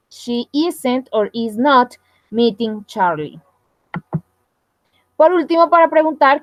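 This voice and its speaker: Give me a woman teacher giving an online lesson, patient and step by step, with a slightly high voice. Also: no echo. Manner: explains step by step, asks "¿listo?" and "¿sí?" to check in. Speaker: English teacher.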